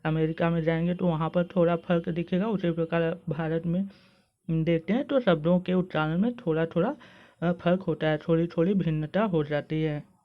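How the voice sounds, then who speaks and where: A teacher with an Indian English accent takes learners through a pronunciation lesson, sounding words out slowly, one syllable at a time. The speech is patient and hesitant, with fillers between phrases. The recording was made on a phone and sounds slightly dull. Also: medium pitch, steady tone. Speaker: online teacher.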